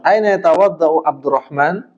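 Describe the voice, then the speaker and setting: A man teaching Arabic to a class, drilling questions and explaining words patiently, often ending phrases with a soft "ya". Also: on the high side. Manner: slow, patient drilling with frequent "ya". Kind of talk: classroom Arabic lesson in Indonesian. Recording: roomy, slightly dull classroom sound.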